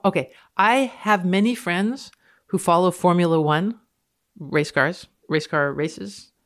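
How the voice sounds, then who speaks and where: Guesting on a podcast, this Canadian-accented woman reads passages with dramatic flair and adds casual commentary, playfully acting authoritative. Her voice sits lowish and her pace is slow.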